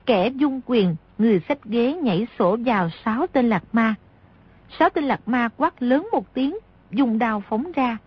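Husky-voiced woman narrating a story. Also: on the high side, animated, a little slow, no room sound. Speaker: audiobook narrator. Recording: dry, dull lo-fi audio.

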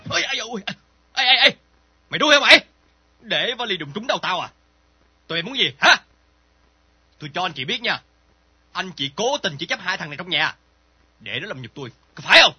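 An actor playing a greedy, bullying old moneylender who turns cowardly, with a husky, blustering voice. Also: male voice, high-pitched, big pitch swings, a little fast, long pauses, no echo, exaggerated voice. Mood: domineering. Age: older. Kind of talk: radio drama acting. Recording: dull lo-fi recording with faint music.

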